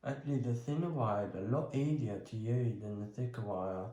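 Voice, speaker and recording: A crafting vlogger works on a bonsai while talking casually, walking himself through each step with plenty of hesitant ums. His medium-pitched voice is expressive and dark, at a normal speed, in a room with a roomy echo.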